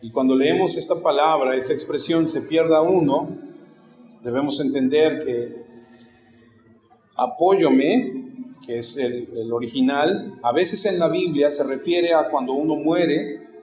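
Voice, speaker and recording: Male pastor, folksy sermon style, fairly high voice, roomy church sound. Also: unhurried, darkish tone. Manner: folksy, tells jokes and stories.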